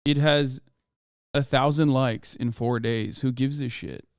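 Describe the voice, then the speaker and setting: Clear-voiced, profane streamer man. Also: mid-range voice, fairly even intonation, a little slow, no echo, clean studio sound. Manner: profane, incredulous and mocking. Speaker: streamer reacting to a video. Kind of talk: casual live-stream commentary.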